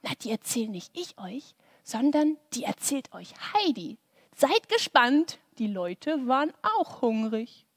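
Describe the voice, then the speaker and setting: A woman's voice: fairly high pitch, sing-song, slow pace, dry recording, studio quality. A woman presenting a children's church show, telling a story playfully with lots of sound effects. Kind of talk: animated children's story with movements.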